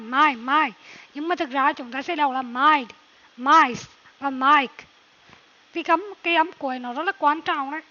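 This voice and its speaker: Woman teacher, pronunciation lesson, reads word by word, repeats words, slow, dull lo-fi recording. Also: high voice, bright, forceful tone. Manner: reads English slowly word by word, repeating words, then explains quickly. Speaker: English teacher. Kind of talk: pronunciation lesson, reading a passage aloud.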